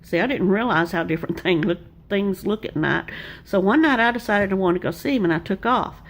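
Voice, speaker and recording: Earnest older woman, gravelly. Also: mid-range voice, fairly quick. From Arkansas, US. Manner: earnest, homespun storytelling with repeated refrains. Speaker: Bible teacher. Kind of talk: devotional sermon.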